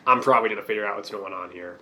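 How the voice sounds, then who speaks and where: Racing along in a low, bright, forceful voice, a comic-book podcast co-host jokes casually and recaps stories in a loose, rambling style. He is getting over a cold, which makes his voice crack.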